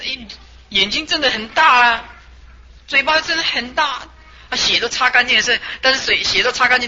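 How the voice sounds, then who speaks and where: A high, very bright male voice belongs to a Buddhist master giving a storytelling sermon. He is animated and chuckles along the way. The lo-fi recording sounds dull and has a faint hiss behind it.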